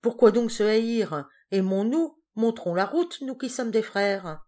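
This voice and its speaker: A woman reads out a poor, shabby little man who has come into a fortune and is drunk on it, loudly proclaiming brotherhood and love to everyone in a café. The voice is raised, exalted and gushing, with a sing-song lift. This is a storybook figure in a read novel. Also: fairly high pitch, lively intonation, unhurried, voice pushed up. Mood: exultant, effusive. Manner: loud, exalted declaiming.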